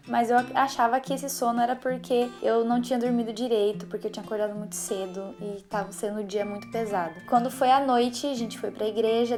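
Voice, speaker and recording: A young woman with a Brazilian accent, telling a personal story in a casual vlog with lively, animated delivery. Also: on the high side. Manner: animated storyteller acting out quoted voices. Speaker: vlogger. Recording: music playing under the voice.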